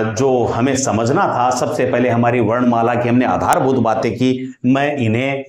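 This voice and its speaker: Guy teaching pronunciation, asks questions, says sounds over and over, roomy echo. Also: medium pitch. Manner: repeats sounds slowly and asks questions to the class. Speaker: Hindi teacher. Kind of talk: explanatory grammar lesson.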